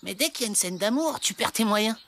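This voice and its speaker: A woman's voice: medium pitch, animated, quick pace, gravelly, a bit bright. An actress playing a cocky, playful young boy in a cartoon, with a casual, teasing way of talking. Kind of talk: animated cartoon dub.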